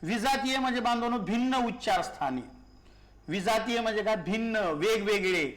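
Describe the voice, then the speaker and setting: A man's voice: high voice, normal speed. A male teacher giving a grammar lesson, asking questions and answering them himself, repeating key words and often calling his listeners brothers.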